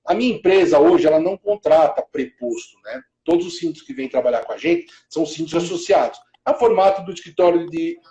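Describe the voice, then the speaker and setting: A man's voice: on the high side, lively intonation, quick pace, hardly any pauses, warm tone, echoey room, rough recording. A middle-aged man, a building manager, telling his career story in a casual interview, rambling with many restarts. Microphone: video call.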